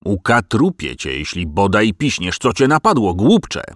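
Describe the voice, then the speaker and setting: A blustering middle-aged male farmer snaps gruff threats in a low voice, read by a man. It is a storybook reading with a lively swing and a dry, close sound. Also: measured pace, no room sound. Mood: angry.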